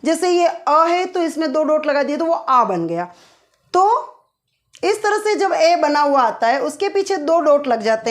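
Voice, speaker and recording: A woman with a high voice teaches phonetic symbols in a classroom style. She turns each point into a question, answers it herself and draws out vowel sounds slowly to show them. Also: a bit bright. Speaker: English teacher. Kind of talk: explaining phonetic symbols to exam students.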